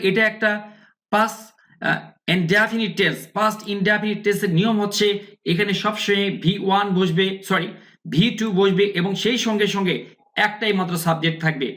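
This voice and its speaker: A man teaching an English lesson. He reads English words slowly, then translates and explains them, and often addresses viewers as friends. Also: high-pitched, a bit bright. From Bangladesh.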